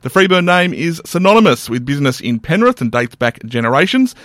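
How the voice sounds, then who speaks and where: A man's voice: a little high, very animated, a little fast, a bit bright, dry recording, studio quality. An Australian man hosting a podcast interview, friendly and conversational. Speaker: podcast host.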